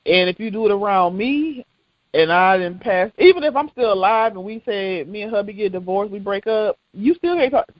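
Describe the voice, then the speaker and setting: A woman's voice: mid-range voice, normal speed, dry recording, muffled recording. A woman co-hosting a podcast, chatting casually, swearing freely and laughing often. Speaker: podcast co-host. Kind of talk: casual chat.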